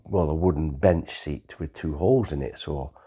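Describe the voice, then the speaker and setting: A man, telling his life story in a rambling, conversational way with pauses and restarts. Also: rumbling low, dark tone, husky. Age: 60s. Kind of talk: unscripted autobiographical storytelling.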